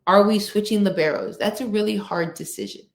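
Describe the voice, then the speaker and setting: A woman guest speaker on a video call, answering in a steady, measured way with emphatic rhetorical asides. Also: mid-range voice, creaky. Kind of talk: conversational interview answer. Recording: echoey room.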